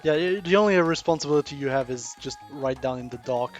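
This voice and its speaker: Hesitant esports co-caster. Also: male voice, medium pitch, a little fast, highs cut off, soft background music. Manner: soft-spoken, hesitant, many fillers. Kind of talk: live esports commentary.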